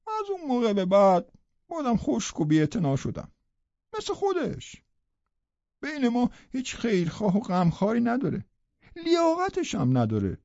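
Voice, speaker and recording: A man's voice: sits high, mellow, dry recording, dull audio, exaggerated voice. A man doing sour grumbling housekeeper Zillah. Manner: grumbling, disapproving. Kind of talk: audiobook character voice.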